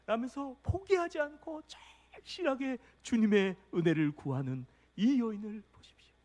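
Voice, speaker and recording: A man preaching a sermon as pastor, impassioned, swinging between hushed, near-whispered passages and loud, urgent calls. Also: very high voice, expressive, normal speed, long reverb tail.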